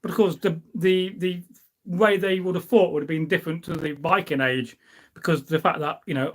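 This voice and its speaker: His voice a little high for a man, a middle-aged live streamer chats with his viewers in a loose, wandering, anecdotal style. The history fan reads their comments aloud and responds to them as he goes.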